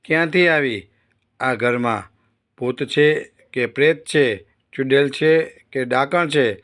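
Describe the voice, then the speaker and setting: A man's voice: medium pitch, takes it slowly, fairly bright tone. Man reading as a nosy neighbor lady, taunting and mocking, storybook tale. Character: mocking gossiping neighbor woman.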